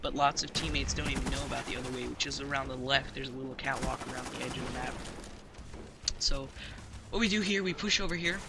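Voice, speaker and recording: A man's voice: mid-range voice, quick pace, vocal fry, very noisy. A man giving casual gameplay commentary, explaining tactics in a hesitant, filler-heavy way. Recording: voice over loud gunfire game audio.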